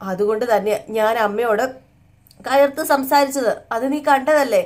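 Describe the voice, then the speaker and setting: A woman voicing a loving young husband who gently reassures his wife. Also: a little high, moderate pace, close to an everyday voice. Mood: reassuring. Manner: soothing, reassuring.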